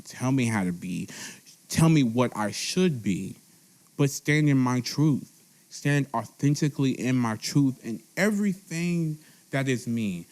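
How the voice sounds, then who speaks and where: Young male podcaster, slightly drunk, sincere solo talk, mid-range pitch. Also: darkish tone. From Texas. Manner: earnest, heartfelt, repeats phrases. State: tipsy. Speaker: podcast host. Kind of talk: emotional solo monologue. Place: seated at a table at home.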